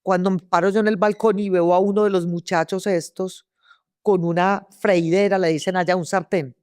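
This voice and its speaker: A woman's voice: fairly low pitch, fairly even intonation, normal speed, a little mellow, clean tone, dry recording, studio quality. A Colombian woman telling her story as an interview guest, vivid and full of restarts and repeated words. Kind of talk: personal testimony in an interview.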